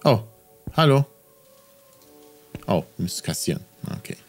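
A man's voice: fairly low pitch, sing-song, slow pace. Uneasy man streaming a horror game, music behind. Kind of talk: casual let's play commentary.

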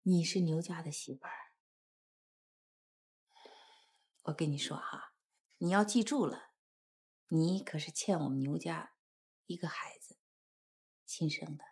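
An actress playing a pushy older mother-in-law in a TV drama, fussy and drawn-out. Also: low-pitched, a little mellow. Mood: stern. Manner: fussy, bossy, drawn-out interjections. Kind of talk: TV drama acting.

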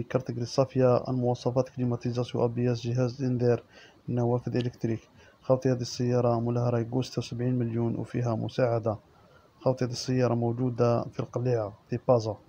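A man with an Algerian Arabic accent reading out used-car listings and prices as the regular presenter, in a steady listing manner. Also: mid-range voice, muffled recording, a little hiss or hum. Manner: monotone listing of specs and prices.

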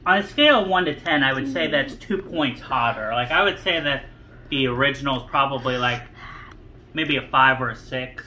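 A man's voice: mid-range voice, moderate pace, bright, forceful tone, a little hiss or hum, low-quality recording. A man casually reviewing store-bought beer cheese with friends, enthusiastic and folksy. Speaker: food reviewer. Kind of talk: casual chat.

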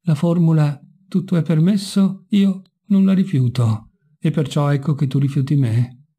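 Man voicing bitter young intellectual, sardonic, dark mellow tone, audiobook. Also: fairly high pitch, steady tone, normal speed, husky. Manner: sardonic, wry.

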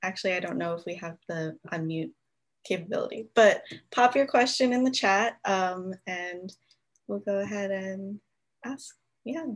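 A woman's voice: mid-range voice, normal speed. A young woman moderating a student workshop Q&A on a video call, upbeat and laughing easily. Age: young adult. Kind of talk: casual hosting on a video call.

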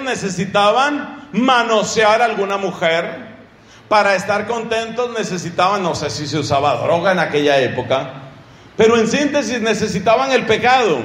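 A man preaching a sermon, teaching with rhetorical questions to his listeners in an animated way. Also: sits high, roomy sound.

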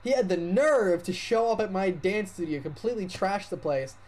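Dude doing a stuck-up dancer lady, catty and a bit loud. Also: medium pitch, moderate pace, close to an everyday voice. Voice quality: snooty, catty. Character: haughty young woman dancer, spiteful.

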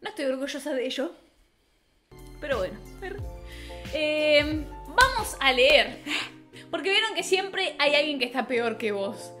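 Young woman, Rioplatense accent, high bright voice, animated slangy vlog talk, faint background music. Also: measured pace, pauses often. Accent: Rioplatense Spanish. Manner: animated, slangy, self-mocking storytelling. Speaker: vlogger. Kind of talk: casual storytelling vlog.

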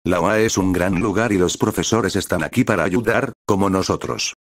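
Earnest teen boy hero, polite, low voice, read by a man. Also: moderate pace, no room sound, clean studio sound.

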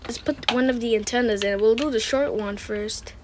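At a moderate pace and in a rather high voice, a woman presents a casual unboxing video, making brief, repetitive observations about the items she handles. The room is indoors with a wooden floor, and clicking and handling sounds are present.

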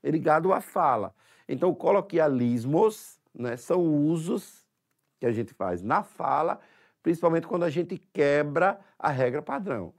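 A man's voice: a little high, lively intonation, measured pace, darkish tone. A man teaching an exam-prep language lesson in a Sergipe Brazilian Portuguese accent, explaining step by step and checking in often with tag questions.

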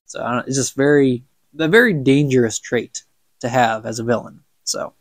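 A young man with a stuffy nose reads a book for a podcast at a moderate pace, his mid-range voice free of echo, adding casual commentary as he goes. When he trips over words, he laughs it off.

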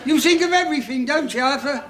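A mild, admiring sidekick in a TV comedy sketch. The voice is extremely high, amid loud audience and noise. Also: male voice, fast talker, a loud crowd. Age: middle-aged. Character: mild, admiring snooker partner. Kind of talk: 1970s TV sketch comedy acting. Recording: very noisy TV studio with audience.

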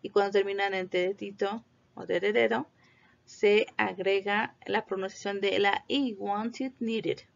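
A woman teaching English pronunciation in a patient, slow way, repeating words for students to echo. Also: mid-range voice, fairly even intonation, creaky. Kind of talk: classroom video lesson on pronunciation. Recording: muffled lo-fi recording.

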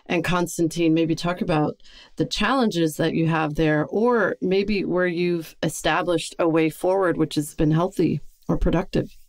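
An American woman moderating a panel, asking questions in a friendly, conversational way. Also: low-pitched.

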